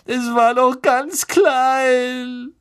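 Man doing a shrill, sobbing schoolgirl. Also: measured pace, gravelly, breathy edge, heavily acted. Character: weepy dramatic schoolgirl.

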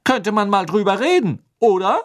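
A man's voice: high voice, sing-song, normal speed, voice pushed up. Fred, a man doing a cheeky teen prankster. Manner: teasing and loud. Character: cheeky teenage prankster boy.

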